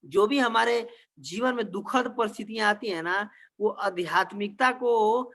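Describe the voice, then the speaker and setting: A man's voice: sits high, a little slow, fairly bright tone, a little hiss or hum. A man narrating a devotional story as a spiritual lecture, in a conversational way with frequent filler phrases.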